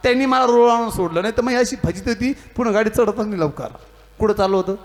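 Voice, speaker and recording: Fast and high-pitched, a man with a Marathi accent delivers a comic devotional kirtan. He spins stories and jokes, acts out conversations through mimicry, and teases his audience.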